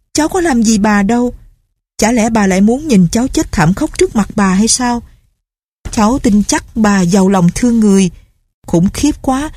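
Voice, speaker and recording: A woman's voice: a little high, warm tone, no echo, voice pushed up. Woman doing a terrified pleading young girl. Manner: pleading, frantic. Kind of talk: audiobook character reading.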